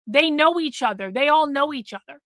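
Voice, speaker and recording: Here a middle-aged woman hosts a livestream with a high, animated, brisk voice that is a bit bright, with no room sound. Casual and blunt with her chat, she curses freely and says things twice for emphasis even as her voice fades.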